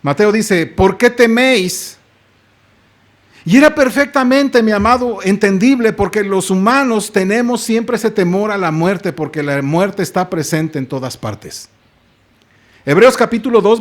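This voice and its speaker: A Mexican pastor preaches in a church with a high-pitched voice. He tells the story dramatically, stopping to put questions to his listeners. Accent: Mexican Spanish. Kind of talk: sermon.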